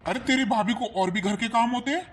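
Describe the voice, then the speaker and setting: A man's voice: extremely high pitch, quick pace, heavy background noise. A man voicing a tired, exasperated young husband trying to settle a family fight in a cartoon. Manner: exasperated, firm. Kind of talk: cartoon voice acting.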